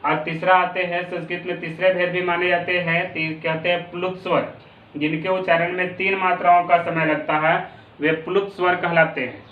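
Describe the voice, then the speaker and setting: His voice sits high and his delivery is flat, at normal speed. This male teacher, speaking with a Bihari Hindi accent, explains a classroom lesson by repeating definitions and drawing out sounds; the echoey room and distant, tinny phone-like mic color the recording.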